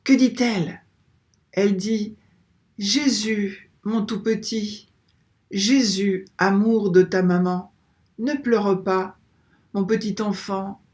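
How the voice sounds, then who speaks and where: A reader voicing an awestruck young shepherd in a devotional story, speaking in a hushed, wondering way. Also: medium pitch, takes it slowly, close to an everyday voice. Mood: awed.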